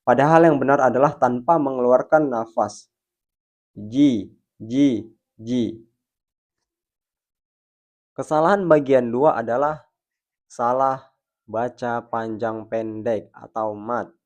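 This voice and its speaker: A man teaching Quran pronunciation, explaining each sound slowly and demonstrating it by drawing it out. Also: mid-range voice, fairly even intonation, a little mellow. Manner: slow, deliberate explaining with drawn-out demonstration sounds. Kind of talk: tajwid pronunciation lesson.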